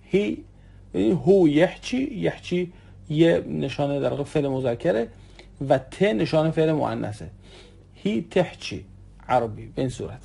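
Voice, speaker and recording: Guy teaching a language, kinda gravelly voice, says every word twice slow so you can repeat. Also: on the high side, expressive, mellow. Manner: slow, repeats each word for learners to echo. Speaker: Arabic teacher. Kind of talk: spoken language lesson.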